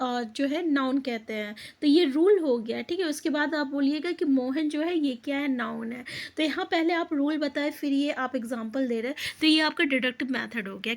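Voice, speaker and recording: A woman teaching an exam-prep lesson. She explains step by step, often asks rhetorical questions, and reads English answer options slowly. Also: high-pitched.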